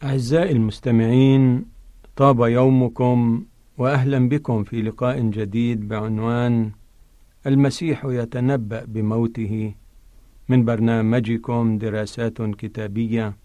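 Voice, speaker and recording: Male pastor-presenter, mid-pitched, solemn and measured scripture narration, dry studio sound. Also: fairly even intonation, mellow, no room sound. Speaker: pastor presenting a radio Bible programme.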